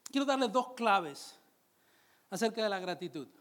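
A Latin American man preaching a sermon, calling out to his congregation and slowing down on key phrases. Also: sits high, expressive, a bit bright. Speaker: pastor.

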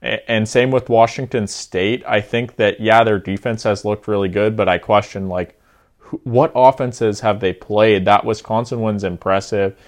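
A young man with a slightly low voice talking sports on a casual podcast. He weighs each point aloud, hedges, and circles back to restart his sentences. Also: steady tone, moderate pace. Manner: thoughtful, hedging, restarts sentences. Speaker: podcast co-host. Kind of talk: casual sports betting chat.

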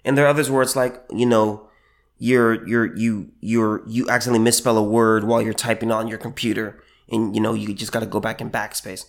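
Slightly unwell with allergies, a man with a somewhat low, creaky voice and level tone hosts a solo commentary podcast. His speech is halting and full of fillers and repeated phrases, and he slows down to emphasize his points.

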